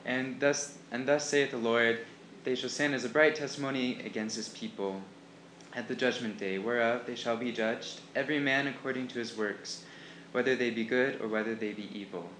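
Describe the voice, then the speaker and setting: A man's voice: medium pitch, fairly even intonation, normal speed, a bit bright. A man reciting scripture. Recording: echoey room with faint noise.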